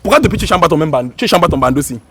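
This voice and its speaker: A man argues and lectures at a rapid clip. His voice is husky and sits high for a man. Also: very animated. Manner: argumentative, lecturing. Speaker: prank show host. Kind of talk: street prank confrontation.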